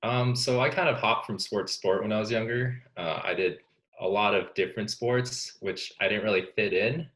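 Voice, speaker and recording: A young man from Canada answers questions as an interview guest, his voice sitting very low. He talks in a soft-spoken, easygoing way, often pausing with ums as he thinks. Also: poor audio. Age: young adult. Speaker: student athlete guest.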